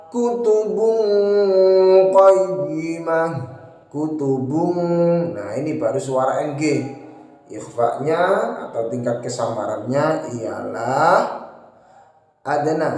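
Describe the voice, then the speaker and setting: A man teaching tajwid, who explains the rules slowly and then chants the verses in a higher, drawn-out voice. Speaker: Quran recitation teacher. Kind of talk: tajwid lesson with chanted recitation. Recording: roomy echo with long reverb.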